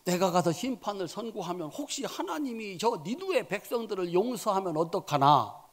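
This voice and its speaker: A man's voice: sits high, big pitch swings, normal speed, full character voice. A man voicing a resentful prophet who frets aloud in a grumbling inner monologue during a sermon. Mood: fretting. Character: resentful, fretting male prophet.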